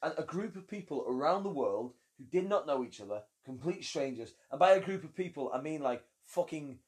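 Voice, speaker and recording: A man's voice: fairly high pitch, expressive, a little fast, a little mellow. Young man, rambling podcaster. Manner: rambling, sweary, storytelling. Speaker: podcast co-host. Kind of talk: casual banter.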